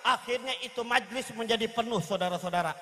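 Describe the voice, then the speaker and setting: A man's voice: very high voice, fast, bright, forceful tone. A male preacher telling a religious story dramatically at a gathering, speaking straight to his audience. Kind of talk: sermon storytelling. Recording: reverberant hall sound.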